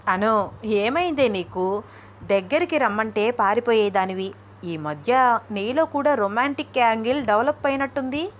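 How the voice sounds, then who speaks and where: A woman's voice: on the high side, lively intonation, unhurried. A woman voicing a teasing young husband. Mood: tender. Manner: playful, teasing.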